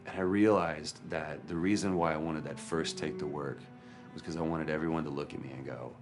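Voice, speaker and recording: A man's voice: a bass voice, steady tone, fairly quick, music in the background. A male actor in an interview, candidly and reflectively recounting a hard experience. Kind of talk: interview storytelling.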